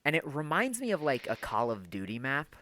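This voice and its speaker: A man's voice: mid-range voice, huge pitch swings, a little fast, sharp tone. A man co-hosting a casual podcast, telling a long story in a rambling way, full of fillers and the odd swear word. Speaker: podcast co-host. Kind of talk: casual chat.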